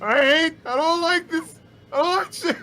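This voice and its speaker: A man playing a sputtering, frustrated fellow in a tabletop game, shouting in shrill indignant outbursts like a foiled villain. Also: normal speed, faint music behind, exaggerated voice. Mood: sputtering outrage. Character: sputtering, frustrated man shaking his fist at the world.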